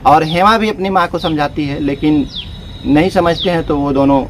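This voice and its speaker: A man's voice: on the high side, moderate pace, a little hiss or hum. A man casually narrating a story, talking to his listeners as friends in loose, repetitive phrasing.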